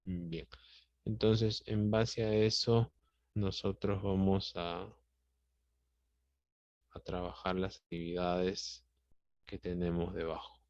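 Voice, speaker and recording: Male teacher, Peruvian Spanish accent, deep voice, unhurried, patient; dry, dull recording. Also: level tone, darkish tone, no echo. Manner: patient, explanatory, checks in with "¿ya?" and "¿sí?". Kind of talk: classroom lesson explaining grammar.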